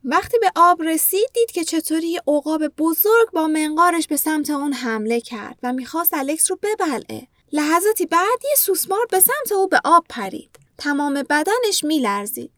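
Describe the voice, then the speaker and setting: A woman narrating a children's story in a gentle storytelling manner. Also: sits high, lively intonation, few pauses, no echo, studio quality.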